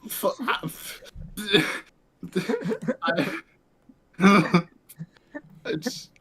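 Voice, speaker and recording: A woman playing a tabletop game, chatting casually in a profane, halting, exasperated way. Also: lowish voice, sing-song, fairly bright tone.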